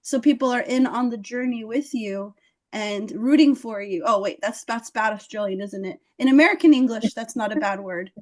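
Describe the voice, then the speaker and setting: A bright, high-pitched woman hosts a relaxed conversation. She is animated and enthusiastic, jumping into playful impressions as she makes her points. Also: moderate pace. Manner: animated, enthusiastic, acts out quotes. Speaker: host. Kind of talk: casual advice chat.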